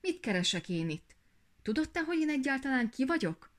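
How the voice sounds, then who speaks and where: A woman's voice: medium pitch, expressive, close to an everyday voice. A woman voicing a proud young princess, humbled and eager to go home. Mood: eager pleading.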